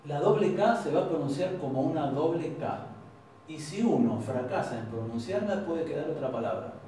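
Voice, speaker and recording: A man with an Argentine Spanish accent teaching an informal language class, explaining patiently and repeating example words slowly. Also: a little high, expressive, warm tone. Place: university classroom. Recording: very echoey classroom, far from mic, faint noise.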